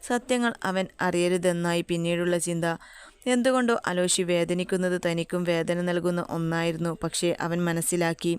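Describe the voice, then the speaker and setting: A woman reads a romance story aloud at a steady, even pace. Her voice sits lower than most women's. It sounds exceptionally smooth and clean. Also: moderate pace. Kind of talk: scripted story narration.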